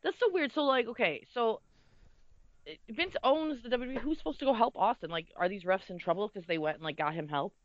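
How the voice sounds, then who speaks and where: A woman's voice: on the high side, fairly quick, no room sound. A woman co-hosting a podcast, chatting casually and asking wry questions while watching wrestling. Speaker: podcast co-host. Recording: dull lo-fi podcast audio.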